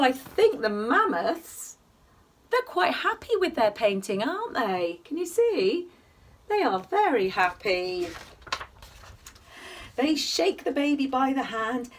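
A woman with a high voice reads a bedtime picture book to small children in an animated, singsong way, asking her listeners questions. She sits indoors in a small attic room at home, captured by a camera placed a short distance away.

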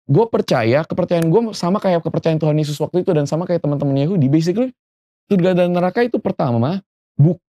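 A man's voice: on the high side, animated, fast, dark tone. A pastor, explaining his beliefs earnestly in a casual podcast discussion.

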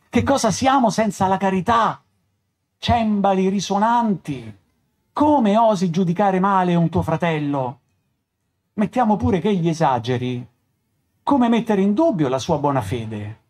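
An actor playing a gentle, fatherly old man who speaks softly and patiently, lecturing in a measured way. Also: a little high, heavily acted. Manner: soft, paternal, measured.

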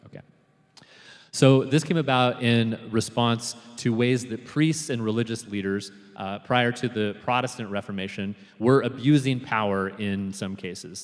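A man preaching a sermon as pastor, telling stories in a relaxed way with frequent fillers and restarts. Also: fairly low pitch. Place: church sanctuary. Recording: long hall reverb in a church.

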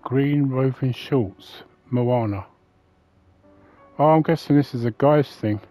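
A man's voice: mid-range voice, slow pace, mellow. Man casually muttering through a let's-play. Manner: thinking aloud, muttering to himself. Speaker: gameplay commentator. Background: faint game music.

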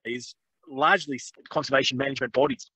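A man's voice: medium pitch, fairly even intonation, sharp tone, slightly rough, no room sound, rough recording. A man talking in a webinar from a remote outdoor field site, his video call audio choppy and breaking up. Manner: halting, apologetic, restarts through dropouts. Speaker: conservation researcher. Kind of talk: webinar talk.

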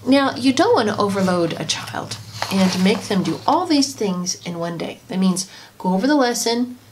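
A woman, a homeschooling mother, gently and chattily explaining a lesson in an instructional tutorial. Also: medium pitch. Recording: noisy home recording.

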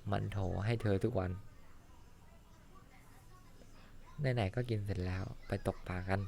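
A man voicing a kind young fisherman in a fan-dubbed cartoon, speaking in a soft, caring, reassuring way. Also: fairly low pitch, steady tone, brisk, gravelly. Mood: easygoing. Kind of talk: Thai fan dub of an animated series.

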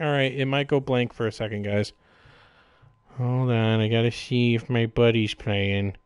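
A video game live streamer gives casual commentary in a creaky, medium-pitched voice with no echo. He exclaims, swears and mutters jokey remarks to himself as he plays.

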